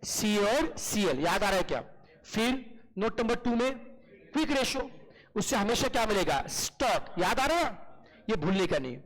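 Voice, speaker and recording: A man with a high voice teaches accountancy in an online class. He keeps asking his students short questions and answers them himself. He calls them "beta" in a familiar way. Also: big pitch swings, moderate pace, a bit bright, low-quality recording.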